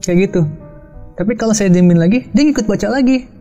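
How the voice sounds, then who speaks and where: A man telling a story of his own in a casual, hushed, halting way, often quoting himself and others. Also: high voice. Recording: dull lo-fi sound with faint music.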